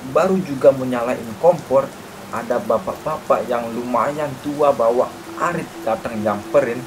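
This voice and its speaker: A man's voice: medium pitch, background noise. Casual male horror storyteller. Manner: casual, slangy first-person retelling.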